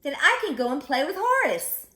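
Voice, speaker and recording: A woman voicing a giggly, eager young male pig in a storybook, with an excited manner. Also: sits high, normal speed, pitched above the performer's own voice, heavily acted. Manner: squealing, excited. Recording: echoey room.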